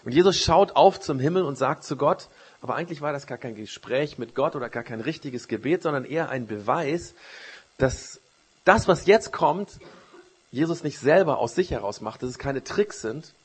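A man preaching a sermon, retelling a Bible story with a storyteller's rise and fall and dropping low for quoted words. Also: expressive, normal speed, husky.

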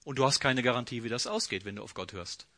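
A man preaching a sermon, telling the story with lively energy and acting out the inner voices of the characters. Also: medium pitch, fast, dry recording.

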